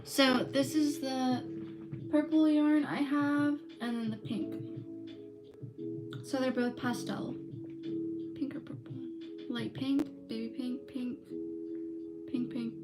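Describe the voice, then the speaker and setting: A young woman talks unhurriedly in a slightly high voice, chatty and relaxed, with "like" and "um" in nearly every phrase. Loud music plays underneath everything she says. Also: takes it slowly, pauses often. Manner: chatty and relaxed, with many "like" and "um" fillers. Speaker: crochet vlogger. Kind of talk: casual chat, reading live comments.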